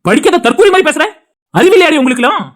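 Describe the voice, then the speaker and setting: A husband in a cartoon who is fierce and loyal to his brother, scolding his wife in a Tirunelveli Tamil accent, as a woman acts him out. The voice is high and the words rush out fast, full of heat and insults. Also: animated. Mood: contemptuous. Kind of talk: cartoon dialogue acting.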